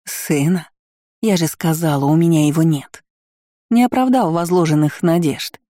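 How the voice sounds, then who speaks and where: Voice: mid-range voice, normal speed, dark tone, no room sound, studio quality, lightly acted. A reader voicing a cruel, scheming vampire woman who mocks everyone with contempt. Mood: scornful. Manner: mocking, contemptuous, theatrical laughter.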